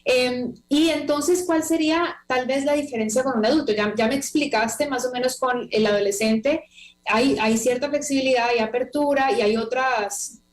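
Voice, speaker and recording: A woman's voice: high voice, moderate pace, low-quality recording. A woman hosting an interview, asking casual, agreeable questions. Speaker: interview host.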